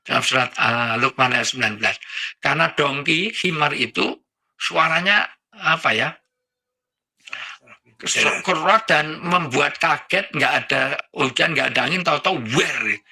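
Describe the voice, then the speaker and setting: Gravelly, joking Indonesian preacher man. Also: on the high side, unhurried, sharp tone. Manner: joking, acts out little dialogues and sounds. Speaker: preacher guest on a talk show. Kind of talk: humorous preaching on a talk show.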